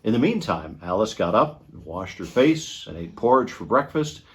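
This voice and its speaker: A man reads a children's picture book aloud, telling the story expressively. His voice is fairly low and his pace moderate.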